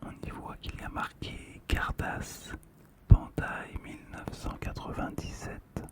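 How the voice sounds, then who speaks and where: Speaking in a slow, hushed whisper the whole way through, this ASMR host shows off collectibles and talks about each one softly.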